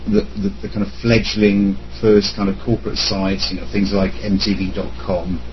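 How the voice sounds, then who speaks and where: Deep-voiced man rambling in an interview. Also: level tone, moderate pace. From Germany, raised in Italy. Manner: rambling, many fillers and restarts. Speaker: podcast guest, web accessibility expert. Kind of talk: casual interview answers. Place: his room at home. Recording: slightly dull lo-fi audio with faint hum.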